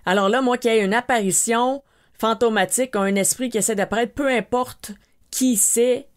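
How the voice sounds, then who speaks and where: A woman's voice: on the high side, normal speed. A woman with a Québécois French accent, hosting a podcast and telling a personal story, animatedly acting out her own frightened exclamations. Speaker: podcast host.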